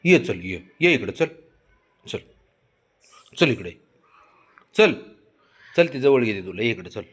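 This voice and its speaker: An older man talks to the family cat in a coaxing, babying tone. His pitch swings up and down a lot as he sweet-talks. It sounds like a casual home video. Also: big pitch swings, slow, a bit bright, breathy edge.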